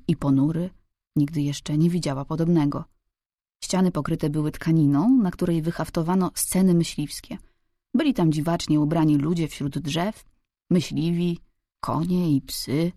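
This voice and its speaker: A woman reading a novel aloud as an audiobook narrator, calm and even. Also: low-pitched, moderate pace, no echo, studio quality. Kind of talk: scripted narration.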